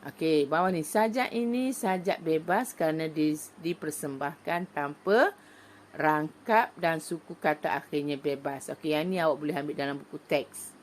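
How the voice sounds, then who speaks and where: A middle-aged primary school teacher with a Malaysian Malay accent gives an online lesson to young pupils, explaining patiently step by step with many "okey" fillers. When reciting poems she becomes slow, loud and emphatic. Her voice sits low, with slight background noise.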